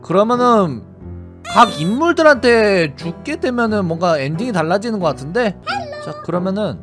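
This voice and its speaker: A man's voice: high-pitched, big pitch swings, normal speed, over music. A man hosting a gaming channel, giving playful game commentary with jokey, mock-dramatic narration and sudden outbursts.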